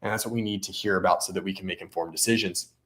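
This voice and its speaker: A man's voice: low-pitched, steady tone, racing, a bit bright. A man who works as a realtor, hosting a casual live stream. He talks in a chatty way, often restarting his sentences and adding sarcastic asides.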